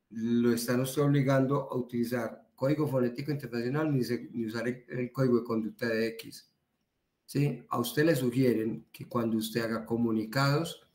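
A man with a Colombian accent giving a training talk in a conversational way, repeating words for emphasis. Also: mid-range voice. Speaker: instructor. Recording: roomy echo.

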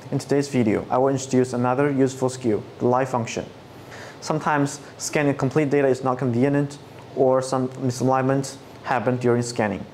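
A product trainer in a flat, medium-pitched voice narrates a scripted software tutorial, explaining the steps. He's on a studio set with a dark backdrop, recorded on a lapel mic with slight background noise.

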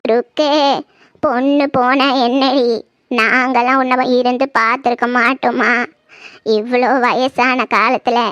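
A woman voicing a grieving old village grandmother in a cartoon, talking slowly in a lamenting way. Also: fairly high pitch, little pitch movement, a bit bright, no echo, lo-fi sound. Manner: slow, mournful, lamenting. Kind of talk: cartoon voice acting.

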